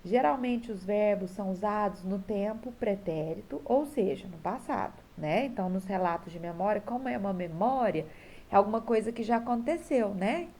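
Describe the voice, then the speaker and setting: A woman's voice: mid-range voice, expressive, normal speed, darkish tone. Brazilian woman teacher going over homework. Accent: Brazilian Portuguese. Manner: patient, checks in often with a tag question. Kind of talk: explaining homework corrections to pupils. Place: at home.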